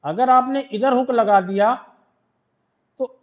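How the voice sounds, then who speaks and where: Heard with phone-quality sound, a man with an extremely high voice and an Indian accent delivers a shorthand lesson. He slowly reads rules aloud in English, explains them in Hindi step by step, and frequently checks his students' understanding in this classroom setting.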